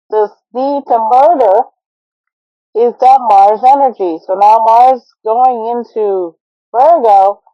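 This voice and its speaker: A woman's voice: a little high, no echo, dull audio. A woman from Thailand hosting an astrology podcast, talking casually and rambling with repeated words and fillers.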